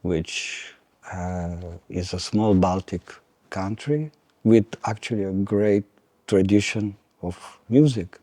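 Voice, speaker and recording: Older man, violin teacher, very slow delivery, mellow tone, dry humor. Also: on the low side, no room sound. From Lithuania. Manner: measured, searching for words, dry humor. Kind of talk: conversational interview.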